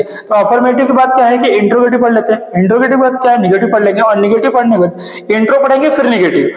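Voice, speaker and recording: A man teaches grammar in a very high, light voice. He keeps asking questions and answering them himself. The sound has a long, hall-like reverb. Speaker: English teacher. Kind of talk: classroom grammar lesson. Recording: roomy echo with long reverb.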